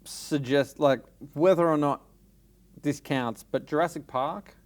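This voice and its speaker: An Australian man co-hosting a casual chat, emphatic and animated when telling stories. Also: fairly high pitch, unhurried. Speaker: podcast co-host. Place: cinema.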